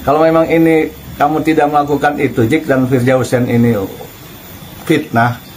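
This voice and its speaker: A man's voice: a little high, flat delivery, normal speed, darkish tone, slight background noise, poor audio. Mocking male online commentator. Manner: mocking, chuckling, asks pointed rhetorical questions. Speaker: YouTube commentator.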